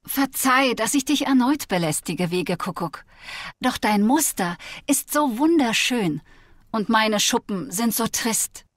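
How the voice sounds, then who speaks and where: A vain, lonely rattlesnake, read by a woman, speaks in a slow, rough hiss that pleads and flatters. Her voice sits higher than plain narration and sounds close and dry, with no room around it. It is a storybook creature in a video game. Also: no room sound. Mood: pleading. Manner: pleading, flattering, then bitter. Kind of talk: fable reading in a video game.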